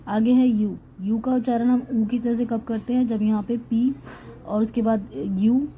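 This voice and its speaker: Woman, pronunciation lesson narration, letter-by-letter spelling, slightly high pitch, faint background hiss. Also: steady tone, measured pace, dull audio. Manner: spells words letter by letter, then pronounces them. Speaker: English pronunciation teacher.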